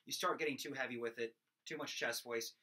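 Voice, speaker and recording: This vocal coach, in his thirties, runs a laid-back singing lesson into a webcam at his desk, hands moving as he talks. The voice is small, nasal and a bit whiny, a little fast, bright and forceful, and he shows off belted high screams.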